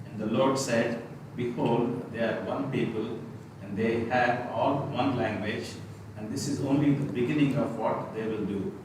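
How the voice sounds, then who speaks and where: A man's voice: medium pitch, fairly even intonation, a little slow. Man reading scripture from across a room. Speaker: scripture reader in a Bible study. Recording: distant mic in an echoey room, hissy.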